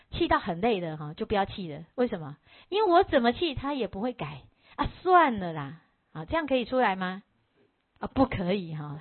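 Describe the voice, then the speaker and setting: A woman gives a Buddhist dharma talk and tells a story in a conversational way, tagging her phrases with "ha". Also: on the high side. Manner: animated, conversational, frequent "ha" tags. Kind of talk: sermon with storytelling. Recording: tinny phone-like recording.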